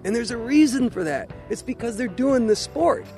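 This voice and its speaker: A man's voice: very high-pitched, animated, moderate pace, gravelly, mellow, faint music behind. A man in his fifties, a plumber who water skis, speaking earnestly and with enthusiasm. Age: 50s. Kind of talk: casual interview talk.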